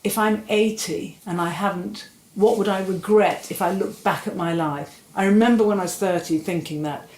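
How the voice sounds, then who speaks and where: A woman in her sixties, an interview guest, telling long stories in animated, rambling fashion with many restarts. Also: medium pitch, normal speed, hardly any pauses. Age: 60s. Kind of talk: casual conversational interview. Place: room in a house. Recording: roomy, faint ambient noise.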